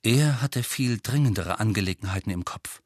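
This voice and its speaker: A man narrating an audiobook in an expressive, dramatic storytelling manner. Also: fairly low pitch, moderate pace, no echo, clean studio sound.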